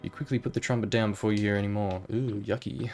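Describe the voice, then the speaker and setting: A man's voice: fairly low pitch, fairly even intonation, fairly quick, vocal fry, over music. A man chatting casually while he plays a video game, musing aloud and reading the game's text. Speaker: let's play gamer. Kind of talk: casual gameplay commentary.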